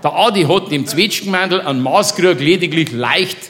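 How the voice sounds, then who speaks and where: A man's voice: a little high, moderate pace, fairly bright tone. A man with a Bavarian accent telling a comic story in a rambling, chummy way and keeps checking in with his listener.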